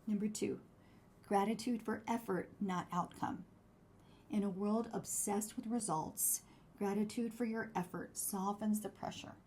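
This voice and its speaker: A woman coach delivers a scripted talk in a relaxed, mellow voice of medium pitch. Her phrasing is deliberate and encouraging, and there is faint noise in the background. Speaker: host, wellbeing coach.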